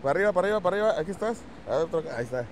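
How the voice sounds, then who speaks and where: A Mexican man co-hosting outdoors at a beach, teasing his friend in excitable, slang-heavy casual chat. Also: high-pitched, rapid-fire, slight background noise. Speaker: co-host.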